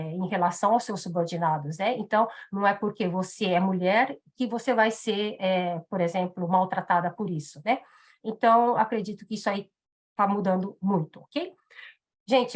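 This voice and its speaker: Woman in her fifties, seminar speaker, chatty with lots of fillers and tag questions. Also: mid-range voice. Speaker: seminar speaker on Japanese business etiquette. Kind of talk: live online seminar talk. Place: in Japan.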